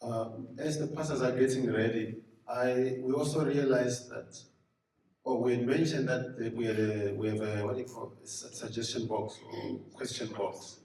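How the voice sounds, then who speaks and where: A man making announcements in church, pausing and searching for his words. He is heard from a distance in a reverberant hall. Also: medium pitch, fairly even intonation, darkish tone. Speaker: program host. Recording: echoey hall, mic from a distance.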